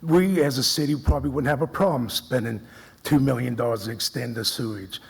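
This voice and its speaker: Gravelly husky guy at a council mic, earnest, keeps restarting, echoey chamber. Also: medium pitch, fairly quick. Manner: earnest, repetitive, restarts often. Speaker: citizen speaker at city council forum. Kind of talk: public comment speech.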